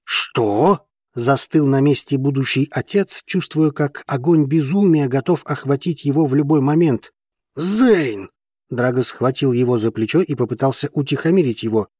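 A man reading a novel aloud as an audiobook narrator, steady and even. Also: medium pitch, brisk, hardly any pauses, dry recording, studio quality.

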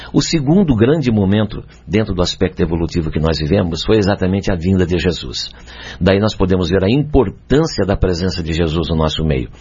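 A man with a Brazilian Portuguese accent, a guest speaker on spiritist themes, explains in a calm, deliberate teaching manner. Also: deep voice, husky. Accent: Brazilian Portuguese, from São Paulo state. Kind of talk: measured explanatory talk. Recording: dull lo-fi radio recording.

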